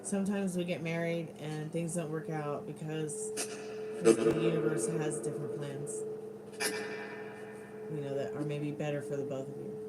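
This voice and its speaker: A woman host chatting casually to live-stream viewers in a gentle, consoling way with a kind, soft laugh. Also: sits low, fairly even intonation, moderate pace, very noisy. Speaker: live-stream tarot reader and spirit medium host. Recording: loud music over the voice. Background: loud music.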